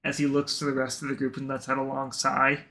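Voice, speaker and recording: A man narrating as game master of a tabletop game, describing scenes in an unhurried, descriptive way. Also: medium pitch, monotone, a crowd in the background.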